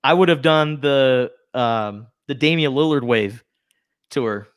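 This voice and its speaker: A man's voice: medium pitch, unhurried, smooth, no room sound. Easygoing male podcast host who chuckles a lot, dry studio sound. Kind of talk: casual chat.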